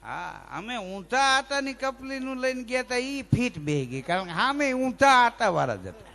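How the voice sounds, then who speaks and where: A man's voice: extremely high pitch, moderate pace, gravelly. A man, telling folk comic stories and acting out lisping characters. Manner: lively joke-telling with sung bits and acted lisping voices. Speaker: folk comedian. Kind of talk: dayro comic storytelling.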